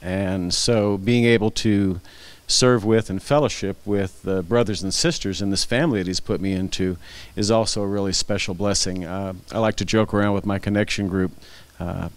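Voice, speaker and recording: A man on a church stage panel, sharing his testimony in a thoughtful, measured way with frequent uhs, into a handheld mic. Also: sits low, fairly even intonation. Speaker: panel guest. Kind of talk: personal testimony.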